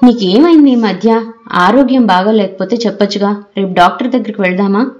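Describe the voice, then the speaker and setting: A steady, reasoning middle-aged husband, read by a woman narrator in her own voice. He speaks evenly and patiently. The recording is a touch muffled. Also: medium pitch, fairly quick, close to an everyday voice.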